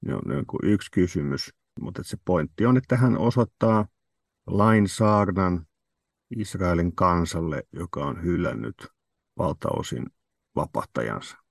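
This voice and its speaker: A man's voice: low-pitched, lively intonation, gravelly, dry recording, studio quality. A man hosting a podcast discussion, thinking aloud and often repeating words as he works through a question.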